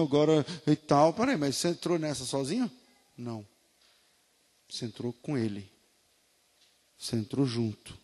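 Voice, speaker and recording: A male pastor with a Brazilian Portuguese accent, preaching a sermon that asks the listeners questions and swings from quiet talk to shouting. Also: mid-range voice, in a large hall.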